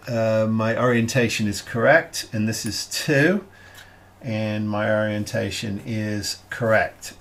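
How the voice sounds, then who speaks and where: A man talking through a scale model build step by step, halting and thinking aloud with plenty of fillers as he works. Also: on the low side. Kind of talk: hobby build tutorial.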